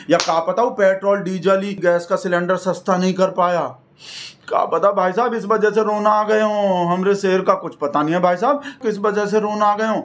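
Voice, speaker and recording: Male comic, high-ish voice, mock-devoted rambling satirical monologue. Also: slight background noise. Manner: mock-devoted rambling, repeats "bhai sahab" constantly. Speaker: satirical comedian in character.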